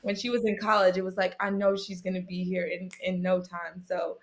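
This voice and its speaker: A woman's voice: fairly low pitch, fairly quick. A young woman athlete chatting as a guest, telling stories with lots of laughter. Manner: animated storyteller, laughs often. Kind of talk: casual chat.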